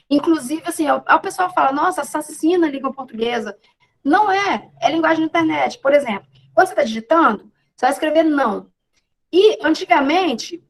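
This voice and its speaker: A woman's voice: sits high, fairly bright tone, rough recording. A woman teacher giving a casual online class over a video call, chatty and often checking in with her students.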